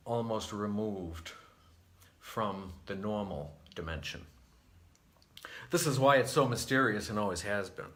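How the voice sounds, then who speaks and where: A man from New England with a lowish voice speaks straight to his viewers in a measured spiritual monologue. He takes his time and leans on key words. He rises to bright, louder bursts, then drops to quiet, near-murmured stretches. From New England, United States. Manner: slow, deliberate and reflective, with swings from lively to hushed. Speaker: vlogger.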